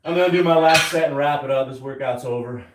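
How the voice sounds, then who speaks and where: A man's voice: mid-range voice, fast talker, background noise. A man talking casually while he works out at home, cursing often and boasting bluntly. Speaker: fitness livestreamer. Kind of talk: casual workout chat. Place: home gym. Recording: roomy echo.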